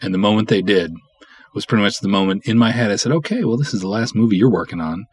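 A man with a lowish voice and a fast delivery hosts a solo podcast, dishing out candid advice. He's an independent film writer-director who comes across blunt, opinionated and emphatic, even acting out imagined dialogue.

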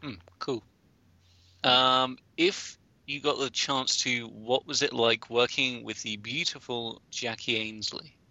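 A man's voice: medium pitch, fairly even intonation, slow pace, sharp tone, no room sound. A man co-hosting a podcast, asking questions in a hesitant, filler-laden way. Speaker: podcast co-host. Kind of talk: interview questions. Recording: dry lo-fi call audio.

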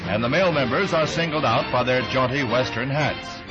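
A man's voice: mid-range voice, brisk. A man narrating an old 1960s newsreel in a formal announcer delivery, heard as an old newsreel recording. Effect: old newsreel sound. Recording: dull old newsreel with loud music.

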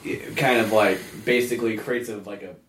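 A man's voice: on the low side, fairly even intonation, moderate pace, recorded from a distance, noisy background. A man running a tabletop game as game master, narrating loosely and laughing often. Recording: echoey room.

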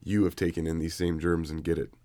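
A man who is sick and hoarse, co-hosting a podcast in laid-back, joking casual chat. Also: sits low, level tone, brisk, mellow, no room sound. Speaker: podcast co-host.

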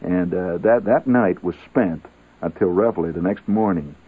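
A man's voice: low-pitched, normal speed, slightly rough. A man on the radio telling a rambling comic army story with wry asides. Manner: wry, rambling anecdotal delivery. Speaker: radio monologuist. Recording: tinny lo-fi 1970s radio broadcast.

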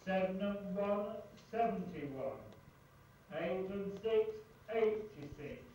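A man's voice: high voice, animated, slow pace, mellow. A man working as a bingo caller, calling numbers in a sing-song, formulaic way with traditional nicknames. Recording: echoey hall, distant mic, faint noise.

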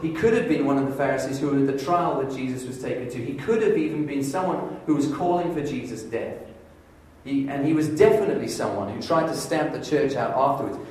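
A man's voice: medium pitch, fairly quick. Man, sermon, storytelling preacher, distant mic, very echoey hall, faint hum behind. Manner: storytelling, animated, acts out inner thoughts.

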